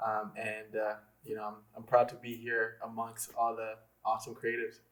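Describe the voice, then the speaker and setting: A man from Haiti, a photographer, introducing himself in an easygoing, calm way with many fillers. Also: lowish voice, moderate pace, poor audio. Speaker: photographer guest. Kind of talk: casual round-table chat.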